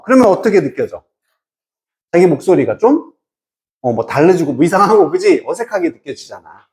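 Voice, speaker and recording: An English teacher works through a reading passage in Korean, reading each English phrase slowly and then translating it. The delivery is unhurried and lively in pitch, rising and falling a lot. Frequent check-ins with the class keep it conversational. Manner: asks students frequent rhetorical check-in questions.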